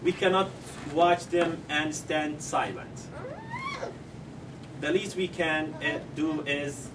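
A middle-aged man gives a halting press statement, full of ums and grammar. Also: on the high side, fairly even intonation. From Syria. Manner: halting, with many ums and non-native grammar. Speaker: parent speaking at a press conference. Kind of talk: prepared press statement, then answering questions. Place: conference room, seated at a table. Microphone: table microphones, heard through a far camera. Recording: distant mic with clear background noise.

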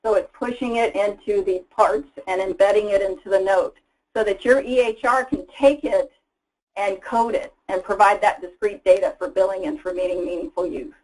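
Woman, webinar presenter, mid pitch, casual explanatory delivery, fillers. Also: fairly even intonation, moderate pace, a little mellow, low-quality recording. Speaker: product presenter. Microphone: voice-over for slides.

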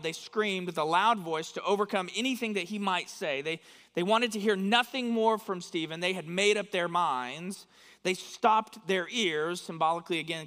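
With a fairly high, slightly bright voice, this West Texas man delivers a conversational sermon as a pastor. He regularly checks in with the congregation, and the church sanctuary adds long reverb.

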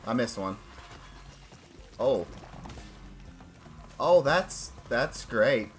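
A young man narrating his own gameplay in a slow, easygoing way. His pitch leaps around wildly. He lurches from quiet grumbling into sharp excited shouts and back again. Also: soft background music. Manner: excitable, swings between loud yelps and frustrated mutters. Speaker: gaming channel host. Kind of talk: live let's-play commentary.

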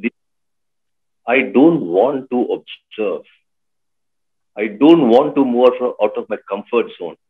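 A man's voice: medium pitch, lively intonation, slightly rough. Man on a bad, breaking-up call line. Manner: halting, drawn-out speech. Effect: bad connection, voice breaking up. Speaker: participant in a discussion group. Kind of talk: online group discussion. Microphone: video call. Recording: tinny, choppy call audio.

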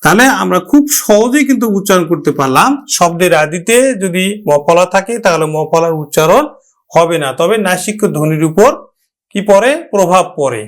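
Man, teacher, high-pitched, explaining step by step, drawn-out repeated example words. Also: lively intonation. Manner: addresses students directly, explaining step by step. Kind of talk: Bengali grammar lesson.

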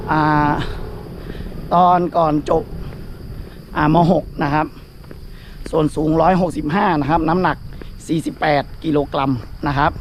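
A man's voice: fairly high pitch, a little hiss or hum. A man from northern Thailand chatting casually to viewers while running outdoors, talking with some effort. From Phayao province, northern Thailand. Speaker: running vlogger. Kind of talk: casual vlog chat to viewers. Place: outdoors along a road.

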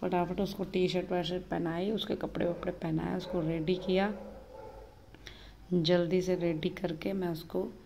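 A woman in her thirties, a mother, narrating her busy morning in a casual daily vlog, chatty and hurried. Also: fairly low pitch, little pitch movement, background noise. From Uttarakhand, India. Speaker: vlogger, mother of two.

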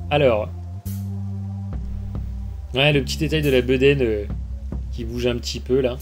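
A man's voice: medium pitch, fairly even intonation, slow pace, long pauses. A man streaming a game, casually reading the dialogue aloud and reacting with amused asides on a basic microphone. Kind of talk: casual let's-play commentary. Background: faint background music.

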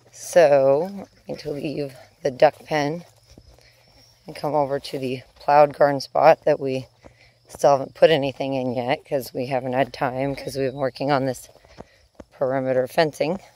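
A woman chatting casually as she films her family farm outdoors on a handheld phone, gentle with the animals. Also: low-pitched. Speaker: homesteader filming family farm. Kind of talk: casual narrated farm vlog. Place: outdoors on a farm, in a small livestock shelter.

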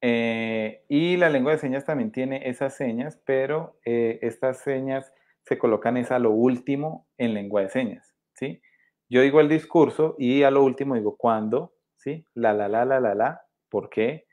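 Over an indoor webcam, a man with a Colombian Spanish accent leads a live virtual sign language class at normal speed, his voice medium-pitched and darkish. He explains things patiently and often asks whether everyone follows.

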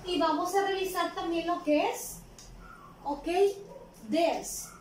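A woman with a Mexican accent teaching small children English words, repeating each one slowly and translating it into Spanish. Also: very high voice, fairly even intonation. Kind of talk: bilingual vocabulary lesson for small children. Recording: echoey room from far off, faint noise.

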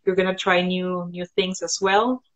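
A woman guest on a video call from home, giving advice in a thoughtful, halting way with frequent fillers. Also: on the low side, steady tone, rough recording. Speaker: guest sharing sustainability tips. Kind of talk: casual video-call interview. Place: indoors at home.

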